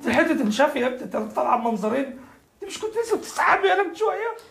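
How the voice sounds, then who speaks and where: A man's voice: extremely high pitch, sing-song, rapid-fire, creaky, fairly bright tone, soft background music, exaggerated voice. A man playing a wailing possessed Egyptian man. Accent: Egyptian Arabic. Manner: wailing, melodramatic.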